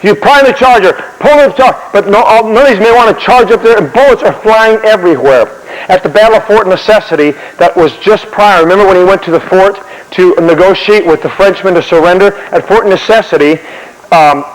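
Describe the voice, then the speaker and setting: A man's voice: sits high, a little fast. A man telling a historical story in a lecture, acting out scenes and making sound effects. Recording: long hall reverb.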